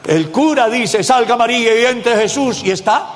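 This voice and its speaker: A male pastor preaches to his congregation in a church. His voice sits high and carries a long, ringing reverb from the hall. He jokes and throws questions out to the people as he goes. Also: expressive, normal speed. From Colombia. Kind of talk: sermon.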